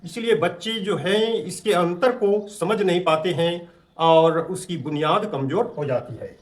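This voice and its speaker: A man giving a grammar lesson in a fairly high voice. He speaks slowly and patiently, stretching each vowel sound out to show how it should be pronounced. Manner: slow, drawn-out vowel demonstrations; patient, explanatory teaching tone. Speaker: teacher.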